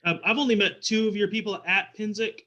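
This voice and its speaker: A man with a Southern accent from Texas and Oklahoma joins a video call as an interview guest, a visiting king, joking around playfully and exaggerating. His voice sits high and steady, brisk, pushed and bright, though the audio is dull.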